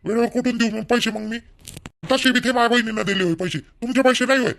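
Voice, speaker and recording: A man playing a cornered younger brother-in-law who pleads and apologizes in a low voice. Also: fast talker, gravelly, a bit bright, exaggerated voice. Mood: defiant.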